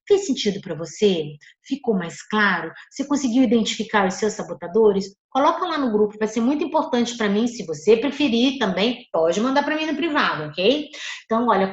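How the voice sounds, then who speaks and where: A woman coaching listeners in an online masterclass, speaking in an emphatic, encouraging way and addressing them directly. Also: on the high side. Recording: echoey room, dull lo-fi sound.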